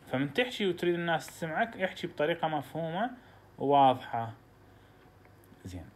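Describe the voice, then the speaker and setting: A man with an Iraqi Arabic accent teaching an English lesson, reading English sentences slowly and then explaining them in dialect. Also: mid-range voice. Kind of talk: video lesson, explaining textbook.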